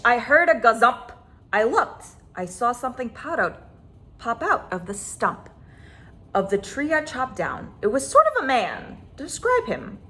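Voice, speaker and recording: A woman reads a children's story aloud with expressive, dramatic flair, stretching out words for emphasis. Her voice sits high.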